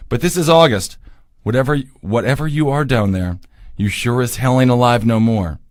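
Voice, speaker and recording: A man's voice: medium pitch, normal speed, no echo, clean studio sound, close to an everyday voice. A man doing a blunt old-time grave digger.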